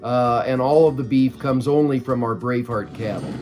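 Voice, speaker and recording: An older man, a company executive, answering interview questions at length from a home study over a video call, measured and explanatory with frequent fillers. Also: medium pitch, a little mellow, faint music behind. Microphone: video call webcam.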